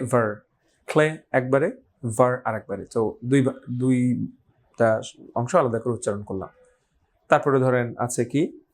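Man, pronunciation teacher, mid pitch, patient, slow repeated examples. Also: a little mellow. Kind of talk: explanatory lesson.

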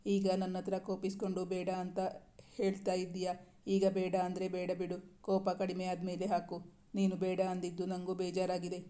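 A woman voicing a young husband who gently coaxes and teases his wife in a storybook reading. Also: fairly low pitch, monotone, normal speed, lightly acted. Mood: teasing. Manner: coaxing, gently teasing. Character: young loving husband, teasing and tender.

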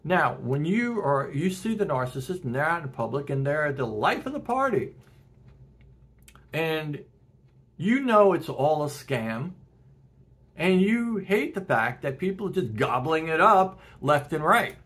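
Fairly high and fairly bright, with a breathy edge and big pitch swings, the voice of a middle-aged self-help host moves at a measured pace. He talks casually and earnestly to camera at home, in a room with plants and a porch window, laughing briefly between points.

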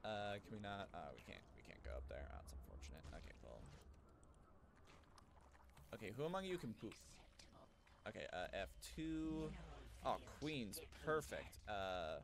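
Male game streamer, 30s. Low voice, very lively intonation, casual and sweary. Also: normal speed, creaky, long pauses, noisy background. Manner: offhand, muttering, sweary. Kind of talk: casual gameplay commentary.

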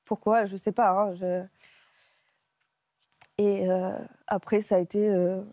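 A woman guest on a TV talk show, retelling a personal ordeal in a halting, emotional way, with frequent restarts. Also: mid-range voice, little pitch movement, mellow, no echo, studio quality. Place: TV studio set.

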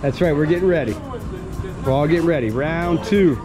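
An excited man narrating his magnet fishing outdoors at a waterfront, hyped and shouting catchphrases. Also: a little high, brisk, over loud music. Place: outdoor waterfront docks and park.

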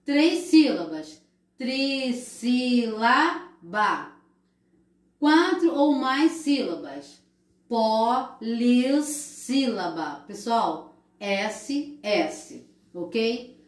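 A Brazilian woman teacher giving a recorded class to young children, explaining slowly and patiently with drawn-out words. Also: a little high, a little mellow. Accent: Brazilian Portuguese. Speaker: primary school teacher. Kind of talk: recorded remote class lesson. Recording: echoey room.

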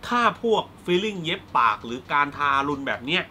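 A man's voice: a little high, normal speed, slight background noise. A young man casually reviewing a film, telling the plot bluntly and with lots of swearing. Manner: blunt, profane, animated storytelling. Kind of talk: casual spoiler-heavy movie review chat.

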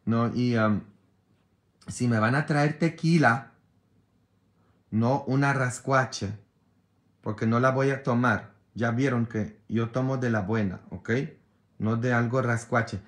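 Joking and occasionally exasperated, a priest nursing a sore throat talks informally with his followers, blending humor with advice. His pitch is medium and his pace slow, with frequent pauses.

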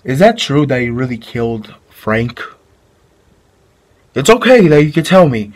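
A man's voice: medium pitch, big pitch swings, measured pace. A man playing a coaxing, curious questioner. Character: curious man questioning a friend alone in the woods. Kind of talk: amateur home-video drama.

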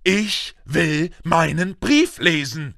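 A man's voice: on the high side, sing-song, slow, no room sound, clean studio sound, pitched above the performer's own voice, exaggerated voice. A man voicing a defiant young boy who talks insistently and indignantly, in an audiobook. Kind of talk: audiobook character voice.

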